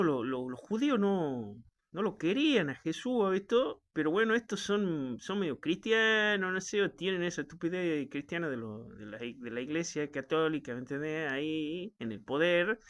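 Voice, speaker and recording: A man's voice: fairly high pitch, fairly bright tone. A man with a Rioplatense Argentine accent, talking in a loose, rambling, sardonic monologue and tagging his sentences with questions to the listener. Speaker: show host.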